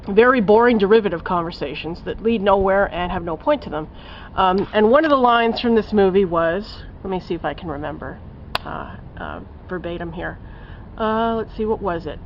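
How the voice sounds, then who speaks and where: A woman's voice: medium pitch, highs cut off, a little hiss or hum. A woman giving a casual spoken film review, blunt and profane, ranting with lots of fillers. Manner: blunt, profane, scathing rant with many fillers.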